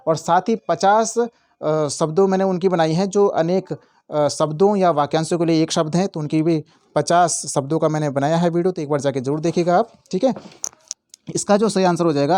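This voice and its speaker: A young man with a fairly high voice, explaining quiz answers like an exam-prep tutor. He repeats points and keeps checking in with his listeners. His voice is close and dry, with no room sound. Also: darkish tone, no echo. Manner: repetitive, checks in often with "theek hai".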